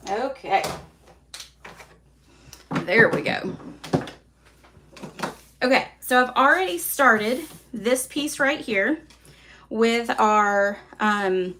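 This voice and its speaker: Southern woman, craft class host, easygoing and self-deprecating, a bit higher than most. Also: slight background noise. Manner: chatty, relaxed, self-deprecating. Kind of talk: live card-making demonstration.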